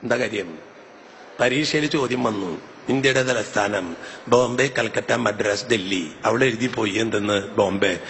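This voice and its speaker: A man preaching as a priest with a Malayali accent, telling stories in an animated way and breaking into high, shouted hallelujahs. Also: unhurried, a little hiss or hum. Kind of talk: sermon with anecdotes. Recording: long hall reverb, faint ambience.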